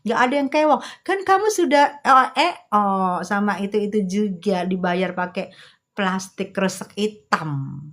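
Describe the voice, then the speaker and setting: A middle-aged woman hosting a livestream on a phone, chatting with viewers in a sassy, teasing, slangy manner and speaking slowly and carefully. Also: medium pitch, animated, a bit bright. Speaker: livestream host. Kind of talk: casual livestream chat reading viewer comments.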